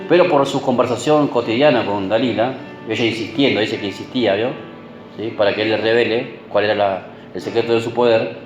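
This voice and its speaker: A man's voice: mid-range voice, roomy sound, muffled recording. A man preaching a sermon. He keeps checking in with the congregation through short tag questions and repeats words for emphasis.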